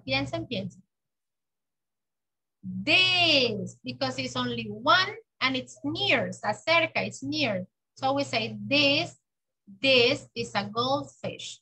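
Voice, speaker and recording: A high-voiced woman teaches English to children in a bilingual lesson. She speaks very slowly, stretching each word for them to repeat. Her tone is bright with a slightly breathy edge. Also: low-quality recording. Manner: patient, exaggerated slow pronunciation for children. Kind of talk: bilingual classroom lesson, slow drilled repetition.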